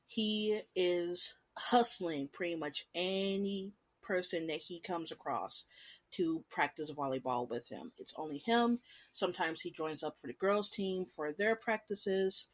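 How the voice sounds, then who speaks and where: A woman hosting her own show, chatting casually and enthusiastically about an anime she loves. Her voice sits a little low for a woman, but she keeps it animated, with big jumps up in pitch and volume for emphasis. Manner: animated, chatty, expressive swings in pitch and loudness. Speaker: podcast host.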